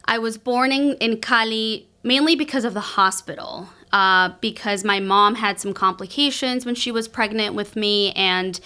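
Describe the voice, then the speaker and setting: A woman's voice: fairly high pitch, moderate pace, hardly any pauses, sharp tone, clean tone. A young woman from Colombia, a podcast guest telling her family's story in an earnest way. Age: young adult. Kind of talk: interview answers.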